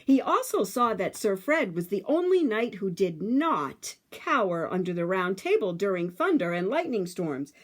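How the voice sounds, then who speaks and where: A woman reads a picture book aloud to children in a medium-pitched voice with big pitch swings. Her phrasing is dramatic and emphatic, and she draws out her words.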